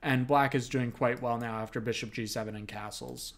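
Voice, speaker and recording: A male chess commentator at a middling pitch talks through variations at an unhurried, explanatory clip. He breaks the analysis with small fillers as he goes. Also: steady tone. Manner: explains moves steadily with frequent fillers.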